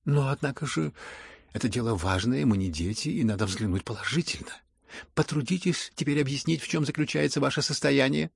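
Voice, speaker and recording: A man reading an audiobook and voicing a proud, sharp young noblewoman with an imperious, teasing manner. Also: mid-range voice, a little fast, vocal fry, husky, no room sound, clean studio sound, voice pushed up. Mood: haughty.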